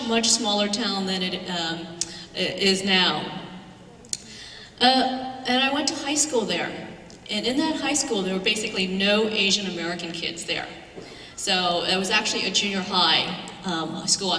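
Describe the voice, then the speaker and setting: A woman professor, appearing as a guest speaker, gives a symposium lecture in a large hall, recounting a personal story conversationally with some fillers. Her mid-range voice is bright and forceful, and the far-off mic picks up hall echo and slight background noise.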